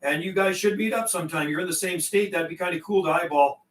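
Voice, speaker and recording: A man with a high-pitched voice and quick pace hosts a CB radio livestream, chatting casually in slang. He repeats and relays messages between operators, and the audio is roomy with a distant microphone.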